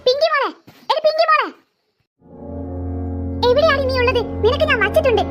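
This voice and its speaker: Cartoon mother, sarcastic, scolding, very high, bright. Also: fast talker, dull audio, soft background music. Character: scolding middle-aged mother, sharp-tongued and sarcastic. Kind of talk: cartoon voice acting.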